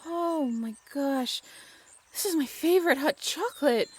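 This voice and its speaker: A woman plays a shy, affectionate young writer on a date in an intimate audio roleplay, speaking haltingly with playful teasing. Her voice sits high and is a little mellow, and she sounds delighted and grateful.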